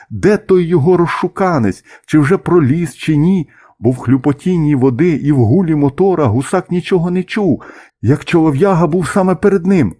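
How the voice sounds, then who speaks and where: A man narrating a children's story as an expressive, measured audiobook reading. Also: on the high side.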